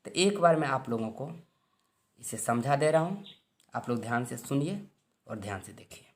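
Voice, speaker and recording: A man from India, giving a syllabus lesson for exam students. He reads each title slowly twice, often clearing his throat. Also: mid-range voice, expressive. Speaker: teacher.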